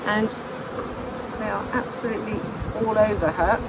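Wearing a bee veil, an older woman tends her hives outdoors in a garden, explaining every step to a camera close by in a demonstration vlog. She sounds delighted and exclaims often, using a medium-pitched voice with fairly even intonation at a moderate pace. Buzzing bees and outdoor sounds come through.

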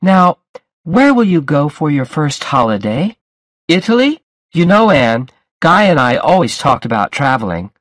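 A man doing a soft, creepy madman. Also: on the high side, sing-song, unhurried, no room sound, clean studio sound, voice pushed up, heavily acted. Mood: overfamiliar. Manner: soft, overfamiliar, insinuating. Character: unhinged, clingy young man, smiling madly.

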